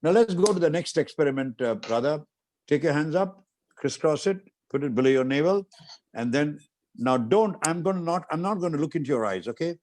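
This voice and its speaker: A middle-aged man from India leads a guest through mind exercises over a call. His voice sits fairly high and swings widely, and he gives firm, repeated commands with a coaxing push. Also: animated, a little fast, a little mellow. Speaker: martial arts master guiding an interview demonstration. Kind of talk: instructing over a video call.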